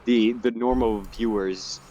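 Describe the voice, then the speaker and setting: A young man co-hosting a podcast in casual chat, laughing often and quick to protest in disbelief. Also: on the low side, steady tone, mellow, poor audio. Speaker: podcast co-host.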